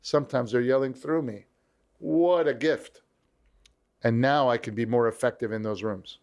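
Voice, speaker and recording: A leadership strategist, appearing as a guest in a conversational interview, tells stories animatedly and a little fast. He imitates the voices of people he quotes, and his pitch swings widely as he explains himself.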